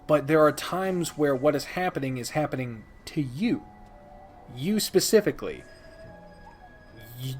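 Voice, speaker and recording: Hosting a casual video game review without a script, a man with a mid-range voice talks emphatically and with theatrical flair, leaning on dramatic pauses.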